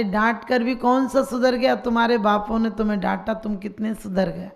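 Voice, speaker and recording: Gravelly-voiced woman preaching a sermon. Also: medium pitch. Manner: rhetorical questions and blessings. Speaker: Jain nun giving a sermon.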